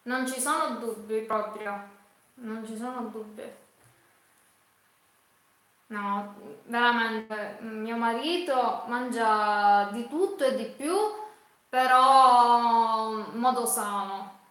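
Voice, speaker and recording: Female live-stream host, bright forceful voice, unhurried halting chat, heavily echoing room. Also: a little high. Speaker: cooking livestream host. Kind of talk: casual live chat with viewers. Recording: very echoey room.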